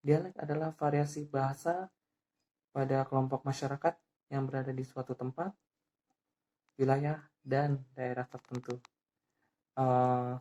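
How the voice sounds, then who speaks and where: Flat-voiced young Indonesian man presenting. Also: medium pitch. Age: young adult. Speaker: university student presenter. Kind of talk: class presentation.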